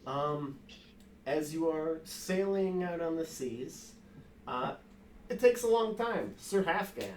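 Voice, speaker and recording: Game master, male, unhurried, raised voice, easygoing and chuckling, light background hiss. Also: fairly high pitch, animated, darkish tone. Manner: casual, laughing often, quick asides. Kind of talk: narrating a tabletop game.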